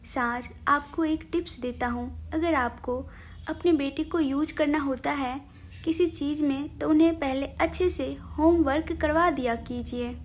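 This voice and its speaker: A woman voicing an affectionate young husband who teases his wife in a soft, lowered voice. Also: a little slow. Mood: fondly teasing. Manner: soft, lowered, gently teasing.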